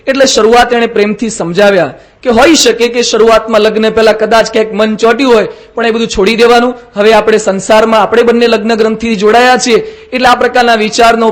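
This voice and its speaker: Man, monk, very high voice, storytelling sermon, acts out dialogue. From Gujarat, India. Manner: lively storyteller acting out dialogue.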